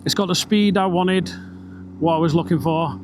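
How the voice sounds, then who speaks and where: A man's voice: high voice, normal speed. A British man chatting casually and rambling, with some swearing, his voice enclosed inside a motorbike helmet as he rides outdoors. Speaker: vlogger. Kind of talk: casual ride-along motorbike vlog chat. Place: outdoors, riding a motorbike on country roads. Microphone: microphone inside a helmet. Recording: engine and wind noise, helmet mic. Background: motorbike engine and road noise.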